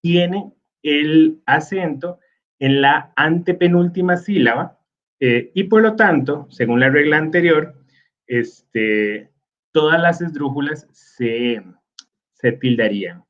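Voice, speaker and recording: A man, teaching a recorded slide lesson slowly and filling pauses with hesitations. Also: a little high, fairly bright tone, highs cut off. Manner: slow, with many fillers like "este" and "eh".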